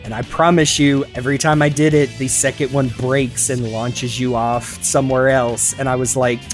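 A man's voice: medium pitch, flat delivery, normal speed, soft background music. A man co-hosting a podcast, rambling casually with lots of laughs, fillers and restarts. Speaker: podcast co-host. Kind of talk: casual chat about games.

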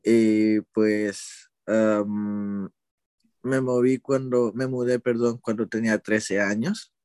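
In a casual conversation, a young Ecuadorian man being interviewed rambles in a relaxed way, with hesitations and self-corrections along the way. He talks slowly in a lowish voice. The sound is dry and cleanly recorded in a studio.

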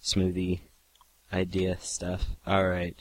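Man, podcast host, very deep voice, husky, dry low-key remarks. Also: monotone, slow, dry recording. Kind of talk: casual chat.

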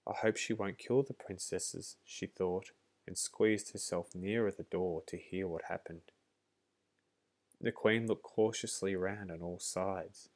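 A man reading a storybook aloud as narrator, at a steady, measured pace. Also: low voice.

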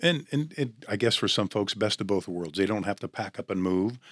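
A man's voice: lowish voice, lively intonation, brisk, a bit bright, no room sound, studio quality. A man hosting a podcast, asking hesitant questions and then reading a scripted wrap-up. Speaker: podcast host. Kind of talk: podcast interview and scripted outro.

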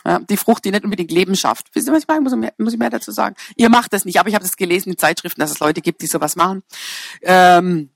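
A woman's voice: medium pitch, quick pace, creaky, no echo, clean studio sound. A woman preaching a sermon in a chatty, humorous way, teasing her congregation and correcting herself with fillers as she goes.

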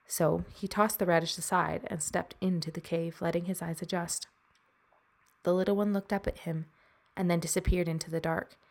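Low, gravelly woman reading a story. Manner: even, measured reading with a friendly sign-off. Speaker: podcast host and story reader. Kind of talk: storytelling narration.

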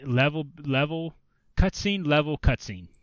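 A man's voice: on the high side, expressive, unhurried, no echo, highs cut off. A man co-hosting a podcast, chatting casually and rambling with lots of fillers. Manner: rambling, filler-heavy, restarts often. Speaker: podcast co-host. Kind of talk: casual chat about video games.

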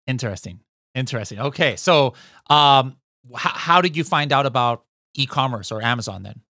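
A man hosting a podcast in casual interview chat, upbeat and quick with follow-up questions. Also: mid-range voice, lively intonation, bright, forceful tone, no room sound, clean studio sound. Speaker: podcast host.

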